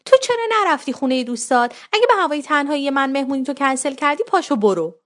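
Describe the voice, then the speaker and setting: A woman voicing a bossy older mother in a spoken story, brisk and scolding. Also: high-pitched, animated, voice pushed up.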